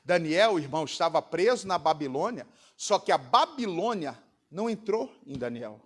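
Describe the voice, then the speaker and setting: A Brazilian pastor preaching a sermon to a congregation, throwing out rhetorical questions for the crowd to answer. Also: male voice, on the high side, lively intonation, normal speed. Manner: rhetorical call-and-response questions. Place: church congregation.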